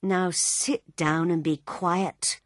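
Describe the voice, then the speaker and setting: A woman's voice: fairly low pitch, steady tone, slow, dry recording, studio quality. A woman voicing a small, tired mother who speaks in a weary voice in a storybook reading.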